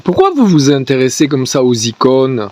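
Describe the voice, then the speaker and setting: A man's voice: mid-range voice, very animated, normal speed, darkish tone. A man acting as interviewer and guide, asking questions and commenting on location outdoors. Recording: faint background noise on location.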